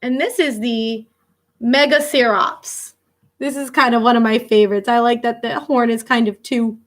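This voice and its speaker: Reading aloud to kids, a woman with a voice on the high side sounds like an elementary teacher working through a nonfiction children's book. She is expressive and child-directed, stopping now and then for casual asides.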